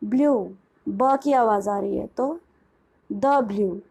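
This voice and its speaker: A woman's voice: mid-range voice, gravelly, darkish tone, husky, poor audio. A woman teaching an English pronunciation lesson, mixing Hindi and English. She asks her students questions, answers them herself, and drawls out English phrases word by word. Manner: slows right down for English phrases. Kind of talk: bilingual classroom lesson.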